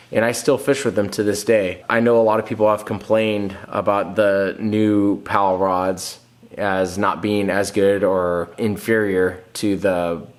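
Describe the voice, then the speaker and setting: A fishing channel host in his thirties talks to camera from a room at home, answering viewer comments in a casual vlog. His voice is a bit low and nasal from a cold, and he's plain-spoken, reading comments aloud and restarting often.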